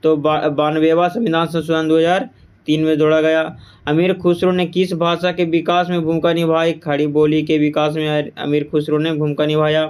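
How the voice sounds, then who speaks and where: A male teacher runs through exam-prep grammar points, asking a question and then repeating the answer back. His voice is smooth and resonant and sits a little high for a man. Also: monotone, moderate pace, a little mellow. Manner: repeats answers with quiz-style questions to the class.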